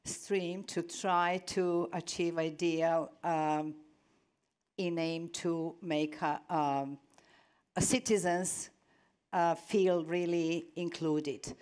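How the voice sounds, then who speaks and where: A woman in her fifties from Serbia talks on a conference panel at a slow, deliberate pace. Her voice sits a little low, and her phrasing halts as she hunts for words. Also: a little mellow, smooth. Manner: earnest, halting, searching for words. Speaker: panelist, media institute director. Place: conference stage, large hall.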